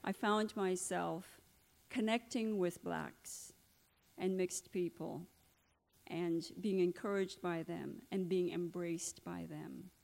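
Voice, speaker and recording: A woman's voice: on the low side, fairly even intonation, slow, vocal fry, a little mellow. A middle-aged woman from Trinidad and Tobago sharing her personal testimony in church, telling her story earnestly with slides. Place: church hall.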